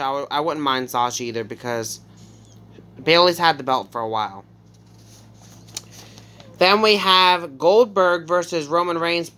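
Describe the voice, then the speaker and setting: A casual vlogger talks through predictions in a loose, hesitant way, stopping on ums and correcting slips as they go. The voice is crisp and smooth, with a bright, forward edge. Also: medium pitch. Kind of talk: casual wrestling prediction talk.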